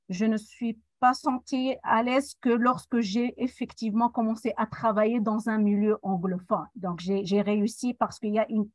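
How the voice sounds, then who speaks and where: A woman who works with newcomers, talking on a radio panel discussion in a measured, explanatory way with frequent hesitations. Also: fairly high pitch, no room sound. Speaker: settlement worker for newcomers.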